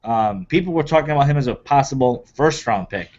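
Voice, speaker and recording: A man's voice: mid-range voice, animated, brisk, a little mellow. A man co-hosting a football draft podcast, chatting casually and running through the latest picks. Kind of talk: casual sports talk. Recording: dull lo-fi recording.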